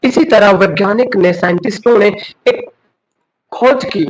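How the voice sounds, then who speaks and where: A man's voice: sits high, unhurried, rough recording. A man teaching, telling a moral story in an earnest way with rhetorical questions. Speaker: English teacher giving a moral talk.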